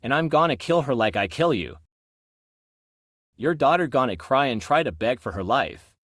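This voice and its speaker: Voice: mid-range voice, expressive, normal speed, fairly bright tone, dry recording, studio quality. An actor voicing a gleefully cruel killer in a horror skit, with theatrical, taunting villain menace.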